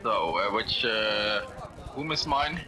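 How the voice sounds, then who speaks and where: A man talking casually and haltingly as a player in a tabletop role-playing game. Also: on the low side, animated, a crowd in the background. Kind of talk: casual in-character game chat. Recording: people chattering in background.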